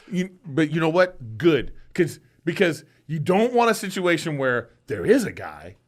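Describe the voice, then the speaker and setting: A man's voice: a little high, big pitch swings, a little slow. A man in casual chat, chiming in with quips and laughing often. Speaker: podcast co-host.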